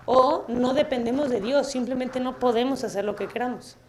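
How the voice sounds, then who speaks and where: Brief: woman lecturer with a fairly high voice, lively and playful with the audience. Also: normal speed, a little hiss or hum. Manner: lively, asks the audience questions, playful asides. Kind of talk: public talk with audience questions. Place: auditorium.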